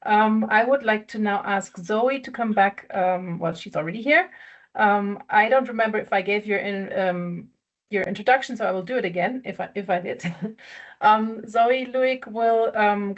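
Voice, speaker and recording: A woman's voice: mid-range voice, highs cut off. A woman moderating a webinar, polite and full of ums as she introduces the next speaker. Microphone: video call.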